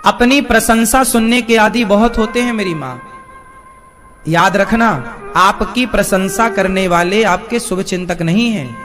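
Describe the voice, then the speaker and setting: A male spiritual preacher giving a live devotional discourse, animated, questioning his audience and acting out voices. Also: sits high, a little slow, over music.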